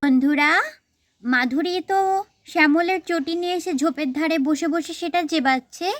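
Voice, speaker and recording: A woman's voice: high voice, moderate pace. A woman narrating a doll-play story, addressing viewers as friends.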